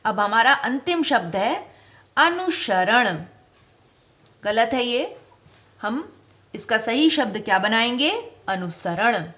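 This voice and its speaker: A woman teacher giving a spelling lesson to children, speaking slowly and deliberately and stressing each example word. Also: on the high side, expressive, a bit bright, lo-fi sound.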